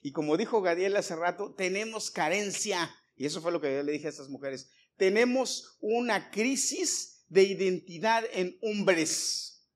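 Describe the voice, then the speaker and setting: A man's voice: sits high, lively intonation, measured pace. A middle-aged man preaching a sermon to a congregation, emphatic, repeating his points and putting questions to the listeners. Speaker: pastor. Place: church before a congregation.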